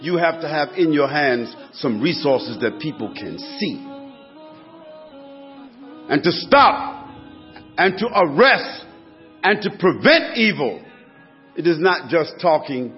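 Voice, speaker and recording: A man preaching a sermon to a congregation, building his points through emphatic repetition. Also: high voice. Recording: dull lo-fi recording with faint music.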